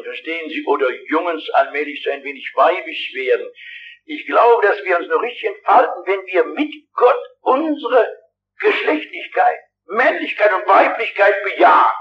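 An older man preaches to a packed hall in a high, urgent voice, pressing his listeners directly. His delivery is fervent and insistent. The recording is dull and lo-fi, with the muffled character of an old archive tape. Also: lively intonation, moderate pace. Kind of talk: revival sermon. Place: large hall with a big audience.

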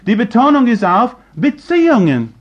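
A man preaching a sermon in slightly broken German, firing rhetorical questions at the congregation and swinging between loud and hushed. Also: very high-pitched, very animated, moderate pace, muffled recording.

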